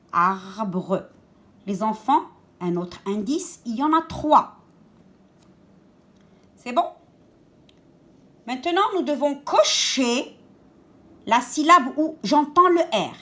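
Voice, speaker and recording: A woman teaches a lesson to young children in a fairly high voice. She speaks very slowly and deliberately, stressing single sounds and repeating each word twice. She gives calm step-by-step instructions. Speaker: schoolteacher.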